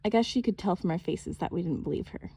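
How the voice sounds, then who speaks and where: A woman's voice: lowish voice, fast talker, warm tone, husky, dry recording. A woman narrating an audiobook in a casual, first-person storytelling manner.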